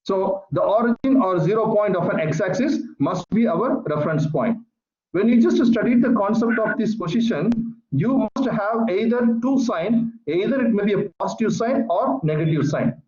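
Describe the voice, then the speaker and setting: A man teaching a physics lesson over an online call, explaining slowly and patiently with many repetitions. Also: high-pitched, animated, darkish tone. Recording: echoey, muffled online call audio.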